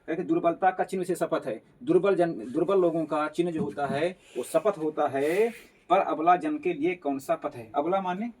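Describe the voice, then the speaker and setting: A man's voice: high-pitched, a little mellow, slight background noise. A male teacher explaining a Hindi poem line by line, repeating and paraphrasing each phrase as he goes.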